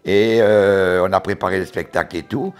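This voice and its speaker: A man in his eighties with a southern French accent from Montauban, reminiscing in an interview, often halting and repeating words as he recalls. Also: sits low, fairly even intonation, smooth, soft background music. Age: 80s. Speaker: interviewee, retired dancer.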